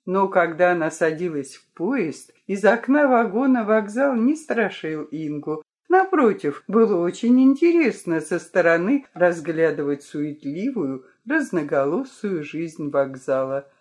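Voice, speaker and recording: Expressive woman reading a children's story. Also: fairly low pitch, measured pace, hardly any pauses. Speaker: narrator. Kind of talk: storybook narration.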